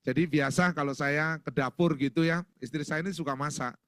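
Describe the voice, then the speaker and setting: A man's voice: on the high side, fairly even intonation, brisk, dry recording, clean studio sound. A middle-aged male pastor preaching a sermon in a church, folksy and joking, acting out little household exchanges.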